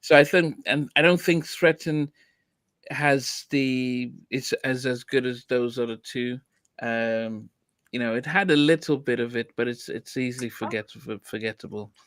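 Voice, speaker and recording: A man's voice: medium pitch, steady tone, unhurried, a bit bright, dry recording. Man, podcast host, casual album review, hesitant restarts, dry close sound. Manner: hesitant, many restarts and fillers. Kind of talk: casual music review chat.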